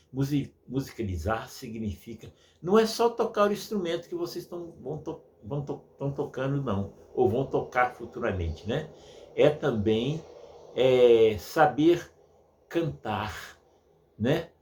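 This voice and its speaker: Slow, lively music teacher. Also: male voice, medium pitch. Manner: patient, talks down to kids with diminutives, imitates sounds. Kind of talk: children's music lesson.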